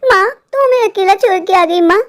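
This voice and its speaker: A woman voicing a ghostly daughter who calls plaintively for her mother in an animated horror story. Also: extremely high pitch, normal speed, dry recording, clean studio sound. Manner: pleading, plaintive calling. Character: ghost daughter, lost and clinging, young.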